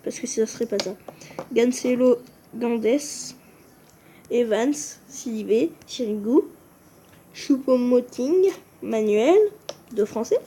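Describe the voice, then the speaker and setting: Her voice slightly high and dark in tone, a woman narrates a game video casually, taking her time with long pauses. She hesitates and keeps tripping over names before fixing them, and the phone screen recording carries slight background noise.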